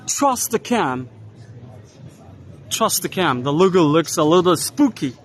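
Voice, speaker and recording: A man with a fairly high voice talks slowly and casually while walking through a busy indoor expo hall, pausing to spell out names letter by letter. Faint hall ambience sits under his voice, picked up on a camera mic as he moves. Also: very animated, slight background noise. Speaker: vlogger giving an expo walking tour. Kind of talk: casual walk-and-talk narration.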